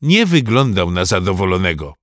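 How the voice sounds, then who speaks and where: A man reading a children's story aloud in a lively first-person boy narrator's manner. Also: deep voice, moderate pace, no echo, studio quality. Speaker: audiobook narrator.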